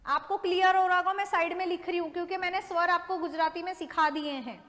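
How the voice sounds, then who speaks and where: A woman teaching a class, slowly repeating each word so students can write it down. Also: very high voice, steady tone, fairly bright tone, big-room sound. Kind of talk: online class lesson.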